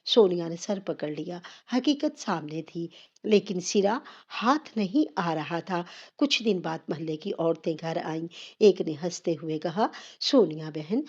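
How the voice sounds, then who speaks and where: A woman storyteller giving a calm, measured scripted narration of an emotional story. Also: on the low side, muffled recording.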